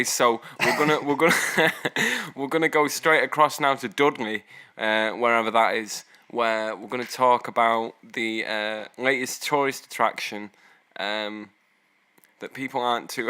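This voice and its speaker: A man's voice: mid-range voice, sharp tone, smooth. A man co-hosting a podcast in casual chat, joking, laughing often and swearing. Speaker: podcast co-host.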